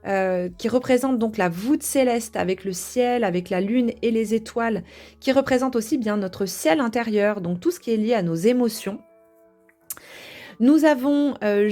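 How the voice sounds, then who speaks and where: A woman giving a tarot reading, speaking gently and chatting to her viewers with many hesitations. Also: medium pitch. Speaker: tarot reader.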